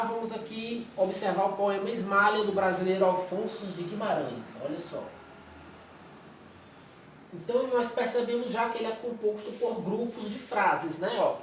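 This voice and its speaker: Brazilian male teacher in echoey room. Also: sits high. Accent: Brazilian Portuguese. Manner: explanatory, keeps checking in with "tá?". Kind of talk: recorded classroom lecture. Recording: very echoey room, distant mic, faint hiss.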